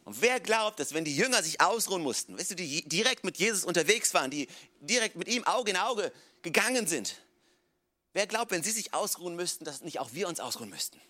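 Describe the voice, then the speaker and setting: A man preaching a sermon as pastor, telling stories in a casual, animated way and dropping in English phrases like "come on". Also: sits high, fairly quick.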